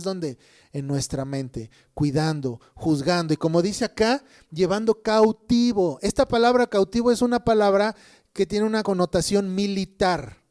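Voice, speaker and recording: A man preaching a sermon, emphatic, often checking in with listeners. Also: high voice. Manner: says people think he is shouting.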